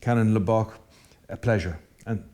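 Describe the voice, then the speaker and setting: A man, a priest hosting an interview, speaking in measured, formal phrases. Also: lowish voice, darkish tone. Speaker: host, priest. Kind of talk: interview host.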